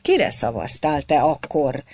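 A woman's voice: on the low side, big pitch swings, no echo. Woman doing a sneering, barking village notary. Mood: scornful. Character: scornful shouting male village notary.

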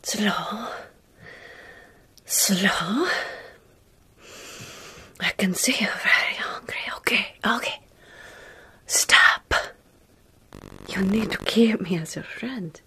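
Playing an ancient yet caring vampire for ASMR, a woman in her thirties whispers right up against the microphone. Her mid-range voice is slightly rough, and she speaks slowly, deliberately and soothingly, with hushing sounds.

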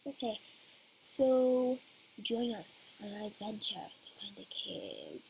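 A woman's voice: on the high side, steady tone, takes it slowly, dark tone, slight background noise, poor audio. A woman hosting a game let's play, talking hesitantly and rambling with many fillers into a computer mic. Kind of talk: casual gameplay commentary.

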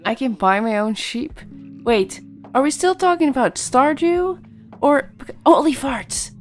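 A woman's voice: high-pitched, lively intonation, unhurried, soft background music. A woman streamer chatting casually with her viewers, reacting to chat with frequent laughter and yawning from tiredness.

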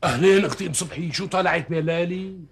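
An actor playing a blunt, quick-tempered older Damascene father with a Damascene accent, who speaks in a harsh, accusing and commanding way. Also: high-pitched, breathy edge. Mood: worried. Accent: Damascene Arabic. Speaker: neighbourhood elder and father.

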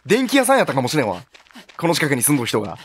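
Guy playing a horror game, jokes around and yelps when scared, mid pitch, super lively voice. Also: very fast, slight background noise. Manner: jokey, yelps and exclaims at scares. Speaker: game commentator. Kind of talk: horror game let's play commentary.

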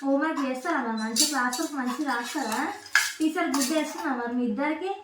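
High-voiced woman. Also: fast, very noisy. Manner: coaxing, questioning children in a sing-song way. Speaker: vlogger and mother. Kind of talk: casual home vlog chat. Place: home, children playing with toy kitchen sets. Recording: echoey room, voice from a distance, loud clattering of toy dishes.

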